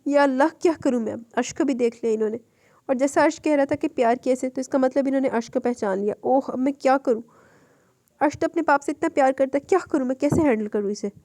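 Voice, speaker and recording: A woman reading aloud, voicing a protective young mother who speaks softly to her son and firmly to others. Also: high voice, fast, dry recording, clean studio sound, voice pushed up. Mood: anxious. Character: protective young mother, firm but tender.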